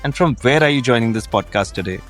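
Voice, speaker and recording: A man's voice: medium pitch, expressive, quick pace, a bit bright, soft background music. A man hosting a podcast interview, introducing his guest with effusive, welcoming praise. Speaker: podcast host.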